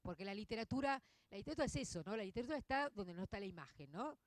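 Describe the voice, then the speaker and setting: A woman in her fifties with an Argentine accent, a literature teacher giving a conversational talk to an audience, expressive and full of tag questions. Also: mid-range voice, racing, dry recording. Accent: Argentine Spanish.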